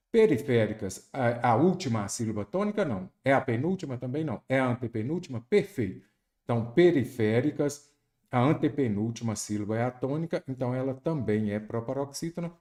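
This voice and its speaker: Male grammar teacher from Brazil, exam prep lesson, emphatic, quizzes the viewer, medium pitch. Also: expressive, brisk, a little mellow. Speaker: Portuguese teacher.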